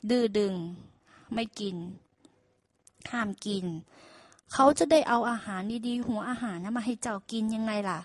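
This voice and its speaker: A woman voicing a boastful, scheming male donkey in a told fable who lectures loudly and insistently. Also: a little high, steady tone, measured pace, no echo, close to an everyday voice. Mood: smug urging.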